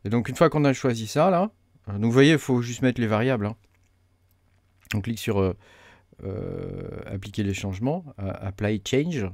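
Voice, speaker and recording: A man talking through a software setup tutorial, hesitant with many fillers as he clicks along. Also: medium pitch, moderate pace, no echo, studio quality. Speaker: crypto mining tutorial host. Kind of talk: casual screen-recorded tutorial.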